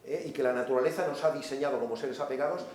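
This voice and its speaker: A seminar speaker and author lectures in a large hall, and the recording is very echoey. His medium-pitched, slightly mellow voice comes rapid-fire as he explains step by step, checks in with the audience often and briefly acts out the voices he quotes.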